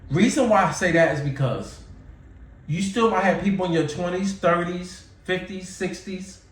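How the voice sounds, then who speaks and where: A male YouTuber around his forties talks to camera with casual, candid advice, repeating things and dropping fillers throughout. He speaks at a moderate pace in a high-pitched voice, the mic distant and the room audible.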